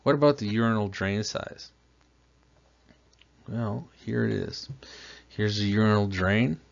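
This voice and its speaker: In this slideshow lesson, a plumbing instructor with a fairly low, gravelly voice speaks a little slowly. He walks through the material step by step with patience, putting questions to the listener, and the voice-over sounds dull and lo-fi.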